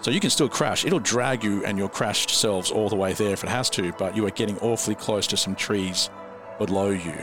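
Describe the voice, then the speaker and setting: A man narrating as dungeon master, relaxed and rambling, often chuckling. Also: lowish voice, a little fast, music in the background. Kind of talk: narrating a tabletop game.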